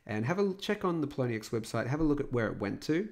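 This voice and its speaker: A man hosting his own channel, giving a casual technical analysis of a crypto coin in a loose, chatty way full of fillers, his voice still a little hoarse from being sick. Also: medium pitch, sing-song, fast talker, a little mellow. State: slightly hoarse, recovering from illness. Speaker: crypto market analyst host.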